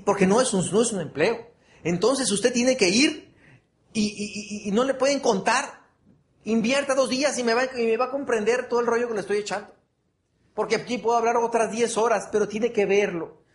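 High-voiced, earnest male motivational speaker. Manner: earnest, repeats phrases, asks the audience for agreement. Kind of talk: motivational speech to an audience.

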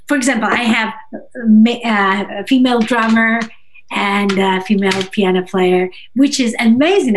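A woman with a mid-range voice is interviewed casually about her work as a singer-songwriter. Her native tongues are Russian and Georgian, and she speaks haltingly, searching for words and seeking confirmation with "right?".

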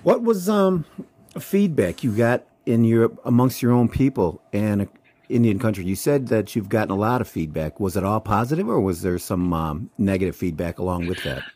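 A man's voice: on the low side, expressive, normal speed, darkish tone. Man asking interview questions.

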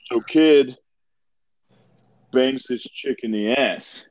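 A man's voice: mid-range voice, very slow, lo-fi sound. A man co-hosting a casual podcast, telling crude, rambling anecdotes. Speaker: podcast co-host. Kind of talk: casual chat.

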